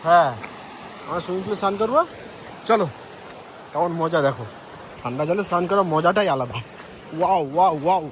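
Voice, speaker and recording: A man with a high-pitched voice narrates a casual travel vlog outdoors beside a river. He talks in a chatty, excited way straight to his viewers. Faint noise from outside sits behind him. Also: brisk, pauses often. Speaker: travel vlogger.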